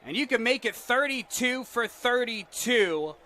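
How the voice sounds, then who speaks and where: A man's voice: extremely high pitch, expressive, a little slow, bright, forceful tone. An American man giving live play-by-play commentary on a football game. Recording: faint outdoor background noise.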